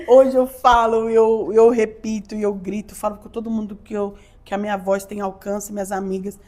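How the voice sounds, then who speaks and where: A woman's voice: mid-range voice, fairly even intonation, normal speed, dark tone. A Brazilian woman giving an emotional podcast testimony, acting out her own quotes as she tells the story. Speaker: podcast guest.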